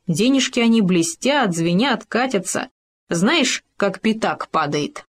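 A woman plays a big male wolf from a storybook, blustering and a bit dim. He drawls his words slowly and sounds puzzled as often as threatening. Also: medium pitch, expressive. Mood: gruff. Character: big gruff predatory male wolf, slow-witted. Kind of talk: storybook reading.

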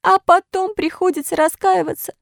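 A high, childlike wooden puppet boy, played by a woman reading a storybook, stubborn and cheeky. His voice squeaks far above an ordinary speaking voice and swings widely. The sound is dry and close. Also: lively intonation, moderate pace, fairly bright tone, no room sound. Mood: wailing. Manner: high squeaky childlike voice, wailing when upset.

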